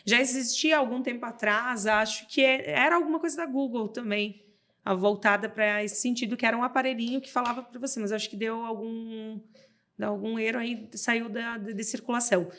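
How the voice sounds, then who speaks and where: A woman's voice: fairly high pitch, a little fast, a bit bright. A woman, a podcast guest, chatting casually and telling stories with frequent laughs. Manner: chatty storyteller who laughs often.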